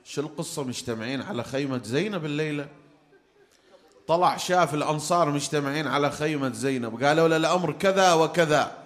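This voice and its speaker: A man's voice: on the high side, fast, echoey room, big-room sound. A man preaching a mourning sermon, moving between storytelling and chanted elegy. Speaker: religious orator.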